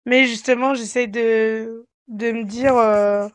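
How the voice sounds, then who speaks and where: A young woman chatting casually with friends as host of an online group podcast, quick to interject. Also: a little high, fairly even intonation.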